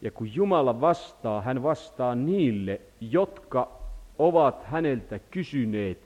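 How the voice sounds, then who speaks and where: A man preaching a sermon, swinging between loud cries and hushed low tones. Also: animated. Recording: long hall reverb.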